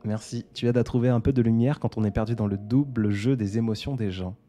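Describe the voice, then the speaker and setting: A young man hosting a casual livestream, speaking softly, laughing often and reading out viewers' comments. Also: fairly low pitch, steady tone, fairly quick, soft background music. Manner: soft-spoken, laughs often, reads out comments. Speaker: livestream host.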